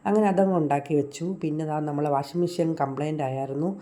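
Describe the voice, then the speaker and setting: A middle-aged woman tells a voice-over story of her day at home. She rattles through it at a breakneck pace in a dark, mellow, low voice. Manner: rushed, homely storytelling. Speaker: home vlogger.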